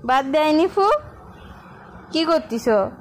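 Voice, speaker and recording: A woman with a Bangladeshi Bengali accent, a mother coaxing her toddler with gentle, repetitive questions at home. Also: sits high, animated, takes it slowly, a little hiss or hum. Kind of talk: home vlog baby talk.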